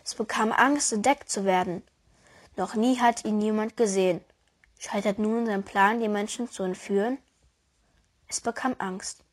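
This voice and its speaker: A woman reading a children's story aloud in a calm, even storytelling manner. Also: medium pitch, a little slow.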